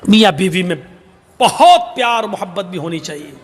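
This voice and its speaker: A male Islamic preacher giving a religious speech to a gathering, telling stories and acting out the dialogue, sometimes shouting. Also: high-pitched, animated. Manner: storytelling, acts out dialogue with rising shouted lines. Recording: echoey hall sound.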